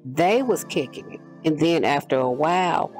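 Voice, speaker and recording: A woman's voice: low-pitched, animated, moderate pace, a little mellow, faint music behind. A woman hosting a commentary show, talking in a casual, slangy way. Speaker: commentary channel host.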